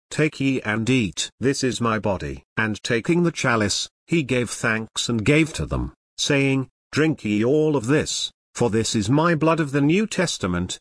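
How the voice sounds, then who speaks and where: A man reading a religious book aloud, measured and earnest, slowing down for each scripture citation. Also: mid-range voice, a bit bright, dry recording, clean studio sound. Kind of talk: audiobook reading of apologetics.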